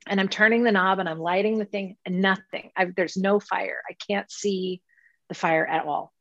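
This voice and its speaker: A woman telling a lively camping story, dry dull sound. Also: medium pitch, normal speed, no room sound. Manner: animated storytelling, laughing mid-sentence, acts out quoted dialogue. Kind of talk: casual chat.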